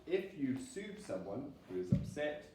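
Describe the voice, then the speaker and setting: Speaking at a measured pace, this male teacher has a dark, medium-pitched voice and a very animated delivery. He patiently breaks down words in simple terms for his primary school pupils, reading brief examples aloud and cheering them on. It's captured from a distance in an echoey classroom with faint background noise.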